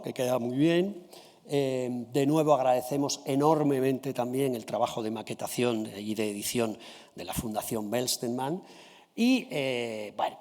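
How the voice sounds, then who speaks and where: A Spanish-man delivers a formal conference talk in a mid-range voice. He courteously walks the audience through his findings, pausing to check they follow. The sound carries the long reverb of a large hall. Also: mid-range voice. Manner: addresses the audience politely, checking in with a quick "¿sí?" or "¿vale?". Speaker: conference speaker presenting a comparative study.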